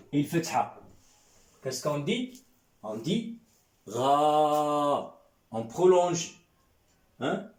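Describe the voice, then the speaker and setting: A man teaching a lesson in French, patiently repeating sounds and checking on his students with a questioning "hein?". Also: mid-range voice. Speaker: Arabic teacher. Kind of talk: classroom lesson. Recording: roomy echo, distant mic.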